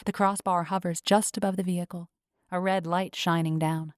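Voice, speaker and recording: A woman narrates a first-person story evenly and clearly. Her voice is slightly low and recorded close on a studio mic, completely dry with no room sound. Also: steady tone, normal speed, dry recording. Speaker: audiobook narrator.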